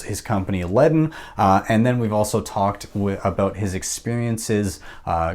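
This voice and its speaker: A man's voice: low voice, darkish tone. A man in his thirties hosting an interview, upbeat and conversational, speaking from a home office into a studio mic. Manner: upbeat, conversational, with filler words. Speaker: podcast host. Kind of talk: casual interview. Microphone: studio mic with headphones.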